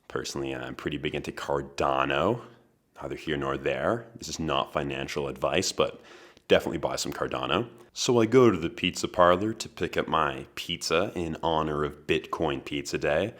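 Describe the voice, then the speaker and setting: Deep-voiced deadpan young man. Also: normal speed. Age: 20s. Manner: dry, deadpan delivery with wry asides. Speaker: podcast host. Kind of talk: deadpan comedic monologue.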